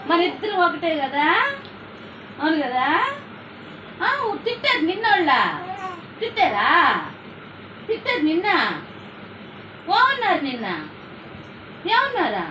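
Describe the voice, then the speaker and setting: A woman's voice: high-pitched, bright, forceful tone. A middle-aged woman with a Nellore Telugu accent, a vlogger chatting at home in doting baby talk to a small child. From Andhra Pradesh, India. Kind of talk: casual family vlog chat. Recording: echoey room from a distance, background noise.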